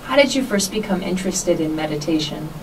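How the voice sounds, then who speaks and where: A woman's voice: on the low side, animated, brisk. A woman working as a radio interviewer, putting questions to a guest. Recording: slightly noisy, distant microphone.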